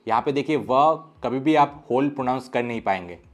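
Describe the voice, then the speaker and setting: A man's voice: medium pitch, brisk, soft background music. A man teaching a language lesson. He reads foreign words aloud one at a time, then explains the pronunciation rules, dropping English words into his talk.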